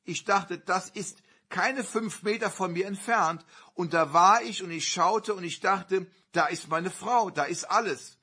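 High, husky-voiced man preaching. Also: a little slow. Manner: earnest storytelling with sudden loud surges. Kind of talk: sermon.

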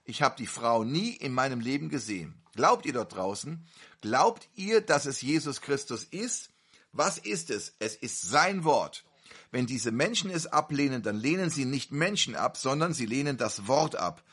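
A man's voice: mid-range voice, very animated, moderate pace, a bit bright, husky. A man preaching at a healing service, fervent and repeatedly asking the congregation whether they believe.

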